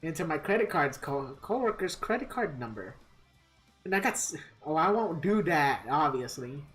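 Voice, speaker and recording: A woman's voice: sits low, sing-song, moderate pace. A woman live-streaming a game, chatting casually with viewers in a kvetching, grumbling way and swearing freely. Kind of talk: casual livestream chat with viewers. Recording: guitar music behind the voice. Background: plucked guitar music.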